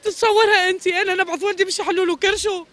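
Tunisian woman talking fast in a street interview, very high voice, keeps repeating herself, begging for help. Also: fairly even intonation, a bit bright. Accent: Tunisian Arabic. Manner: pleading, repeats phrases over and over. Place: street outdoors.

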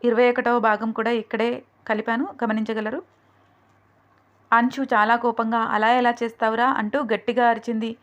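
A woman storyteller narrating her own romance story in a steady, even way. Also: fairly high pitch, normal speed, long pauses, dull audio. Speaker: storyteller and writer.

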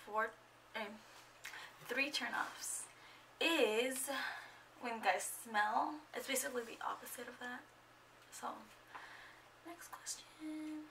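A woman's voice: fairly high pitch, takes it slowly, long pauses, sharp tone, distant mic, slight background noise, rough recording. A young woman in her twenties chatting casually in a get-to-know-me vlog at home, rambling and a bit awkward, full of fillers. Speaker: vlogger. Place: at home indoors. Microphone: camera microphone.

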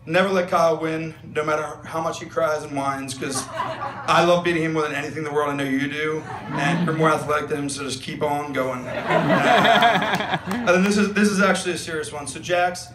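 Under a big wedding tent, guests laugh as a young best man takes a handheld mic and delivers a rambling, joke-filled toast packed with filler words. His voice sits on the higher side and moves at a moderate pace, and the tent's echo and heavy room noise come through on the recording.

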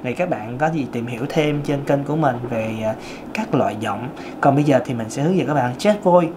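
This Vietnamese vocal coach, a man with a slender, light tenor, keeps up relaxed, self-mocking chatter while demonstrating scales during a lesson. Here his pitch is medium, his delivery animated and brisk. The background is noisy.

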